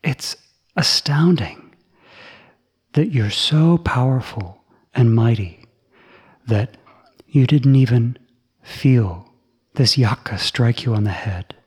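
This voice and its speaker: A man's voice: mid-range voice, expressive, takes it slowly, long pauses, darkish tone, husky, full character voice. A man as an awed, caring monk friend.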